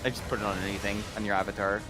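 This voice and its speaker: A man's voice: fairly low pitch, little pitch movement, very fast. A man streaming a game, chatting casually and telling rambling stories with a laugh. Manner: rambling, laughing storyteller with frequent restarts. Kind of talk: casual chat while gaming. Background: game music.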